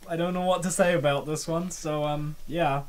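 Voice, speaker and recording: Talking at a normal speed in a medium-pitched voice, a comic dub host gives easygoing, meandering commentary on a webcomic, full of playful, excited reactions.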